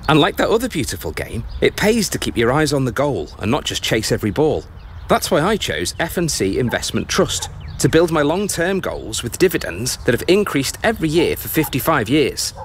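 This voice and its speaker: A man giving a measured, scripted voice-over for an advert. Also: medium pitch, huge pitch swings, slight background noise. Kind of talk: scripted ad read.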